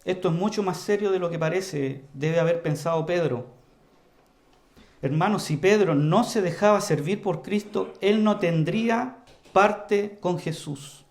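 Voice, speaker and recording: A man preaching an earnest, emphatic sermon to his congregation, repeatedly calling them brothers and moving between loud emphasis and quiet, low passages. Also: measured pace, vocal fry. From Chile. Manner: earnest, emphatic, often addresses the congregation as "hermanos"; varies volume widely, rising to loud emphasis and dropping low.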